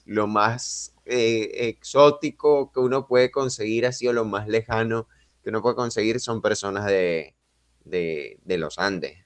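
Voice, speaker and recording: A man's voice: fairly low pitch, measured pace, smooth, no room sound. A Venezuelan man hosting a podcast interview, talking in a reflective, chatty way with some self-deprecating humor. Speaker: podcast host. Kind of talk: casual interview chat.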